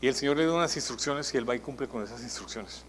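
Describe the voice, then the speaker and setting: A male pastor delivers a Sunday sermon at a mid-range pitch, chatty and lively, slipping into little acted voices for the people he mentions. His voice carries a long church-hall reverb over a faint hum of background noise. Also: quick pace. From Colombia. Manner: conversational, animated preaching with acted-out quotes.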